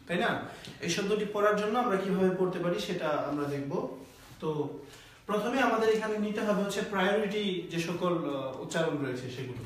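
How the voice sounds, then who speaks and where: A man's voice: high voice, very echoey, far from the mic, slight background noise. A man teaching French in a live online class, explaining pronunciation step by step and often saying "voilà".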